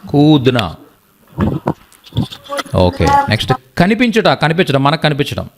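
A man's voice: a little high, sing-song, noisy background. Patient man teaching word by word. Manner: repeats each word slowly, translating back and forth. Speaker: Hindi teacher. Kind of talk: online class lesson.

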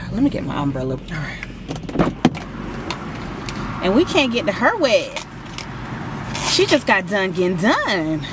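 A woman's voice: mid-range voice, huge pitch swings, takes it slowly, pauses often, heavy background noise. A woman in her thirties from Georgia, chatting casually and slangily to her viewers while running errands. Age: 30s. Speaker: vlogger. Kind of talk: casual vlog chat. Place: out and about on errands, car and stores.

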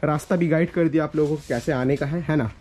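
Talking fast in a steady, slightly mellow, higher-pitched voice, a young Indian man vlogs casually while walking village lanes and showing a cattle shed. He gives directions and a farm tour, explaining to viewers repetitively and instructively. It's a noisy outdoor recording with ambient sound, shot on a handheld camera at arm's length.

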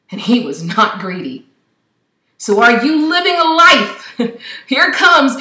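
Woman, high bright voice, fervent devotional vlog preaching, echoey room. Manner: fervent, preachy, rhetorical questions. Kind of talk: impassioned devotional talk to camera.

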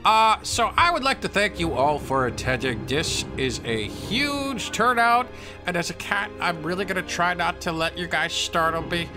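A man's voice: high voice, very animated, measured pace, over music. A man voicing a jumpy, blustering cartoon cat who leads a villains' meeting. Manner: ranting, easily startled, blustery. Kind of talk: English-speaking comic character skit.

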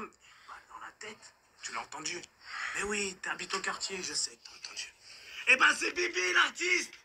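An actor playing a menacing, sadistic bigoted male concierge who taunts his victim, shifting from soft coaxing threats to shouts. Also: high voice, husky, heavily acted. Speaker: racist concierge attacking a man.

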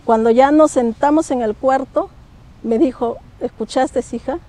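A woman's voice: high voice, unhurried, warm tone. A middle-aged woman telling a personal ghost story, emotional and hesitant, often repeating her words. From Peru. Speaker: guest storyteller. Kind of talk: personal paranormal testimony.

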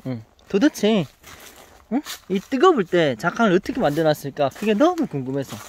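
A man with a Gyeongsang accent, a crop consultant talking through a field visit, questioning and teasing as he coaches. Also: fairly high pitch. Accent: Gyeongsang Korean. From Gyeongsang region, Korea. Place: outdoors in a farm greenhouse.

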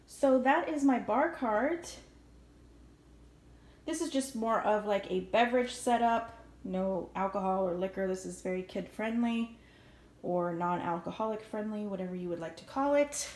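Indoors at home, a woman vlogger with a mid-range, slightly mellow voice casually shows off her home decorations at a normal pace, and the sound is roomy. Chatty and upbeat, she narrates each item show-and-tell style, listing which store she bought it from and what it cost.

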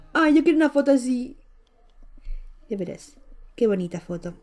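A woman's voice: fairly high pitch, a little mellow. A woman from giving chatty, affectionate gameplay commentary as a Let's Play host, cooing over a baby character with many exclamations.

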